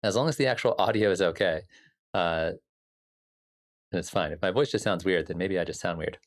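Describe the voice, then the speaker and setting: Pitched low and moving a bit quickly, this man's slightly scratchy voice carries a relaxed music production livestream. He wanders through easy talk full of fillers, welcoming chatters by name and replying to what they write.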